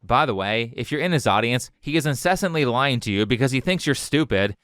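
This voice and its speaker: A man reads scripted commentary with open scorn. His voice is smooth and resonant, sitting at an ordinary pitch. The sound is close and dry with no room around it. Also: expressive, fairly quick, a bit bright, dry recording. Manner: sarcastic, scornful delivery. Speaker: commentary host.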